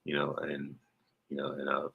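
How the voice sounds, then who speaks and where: A man's voice: a bass voice, completely flat delivery, moderate pace, gravelly, husky, narrow, tinny audio. A man giving a casual, rambling wrestling recap, full of fillers and restarts. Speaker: wrestling commentator.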